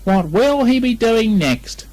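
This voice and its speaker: A man voicing a brisk, motherly female kangaroo in a storybook reading, cheerful and firm. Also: very high voice, lively intonation, a little mellow, voice pushed up, full character voice.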